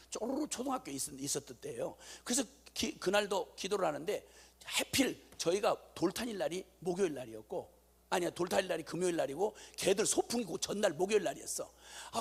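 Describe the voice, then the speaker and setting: A middle-aged man preaches a testimony in the manner of a lively storyteller. His voice sits high for a man and swings widely, rasping and husky, and he races along. He slips into acted voices and bursts of shouting. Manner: animated storytelling, acting out voices, rising to shouts. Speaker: missionary preacher. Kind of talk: sermon testimony.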